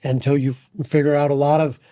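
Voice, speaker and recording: A man's voice: fairly high pitch, little pitch movement, quick pace, mellow, no echo, studio quality. A man hosting a casual interview. He is affirming and curious and asks follow-up questions. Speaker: podcast host.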